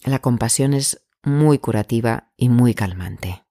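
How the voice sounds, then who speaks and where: Male anxiety coach, gentle and measured, mid-range voice, dry close sound. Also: medium pitch, no room sound. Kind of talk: calm self-help advice talk.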